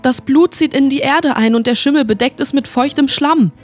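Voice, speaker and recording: A woman reading a story voices a young hero who calls out desperately across a clearing, a little higher than her narrating voice. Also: moderate pace, faint music behind, lightly acted. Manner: desperate calling out. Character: anxious young hero cheering a friend.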